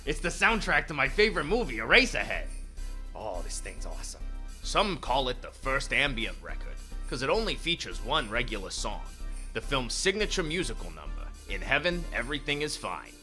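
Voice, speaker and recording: A man's voice: mid-range voice, very animated, moderate pace, pushed and bright, soft background music. Man playing a swooping, hammy ghoul horror host. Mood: delighted, showy. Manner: theatrical horror-host showmanship with slangy folksy address. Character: jolly gray ghoul horror host, male, hammy and folksy. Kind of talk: campy horror host presenting, scripted comedy monologue.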